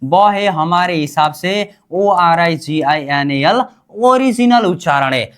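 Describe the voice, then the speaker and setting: Slow, repetitive woman teacher. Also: on the low side, expressive, clear, resonant tone. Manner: asks questions and answers them herself, repeats each term. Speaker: language teacher. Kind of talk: slow call-and-response lesson.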